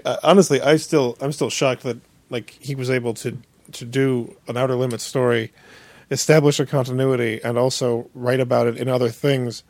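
A man's voice: medium pitch, darkish tone, no room sound. A man co-hosting a casual podcast discussion, talking in an enthusiastic, loose and rambling way. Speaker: podcast co-host.

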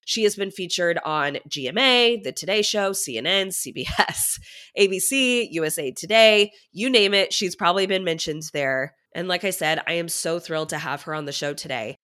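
Speaking at a normal speed, this woman has a low-leaning voice with a sharp edge. She's a podcast-hosting money coach, nasal from a head cold, delivering a lively, talkative intro to her listeners.

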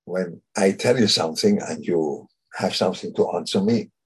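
Guy teaching torah casually, very husky voice, stops and restarts a lot. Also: sits low. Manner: halting, searches for words, many restarts. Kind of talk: informal Torah talk.

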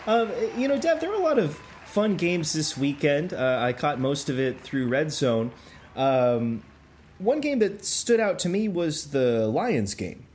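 A man hosting a podcast with casual talk-show patter and a halting delivery. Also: fairly high pitch, sing-song, a little mellow, a little hiss or hum. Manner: halting, addresses listeners as folks. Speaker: podcast host.

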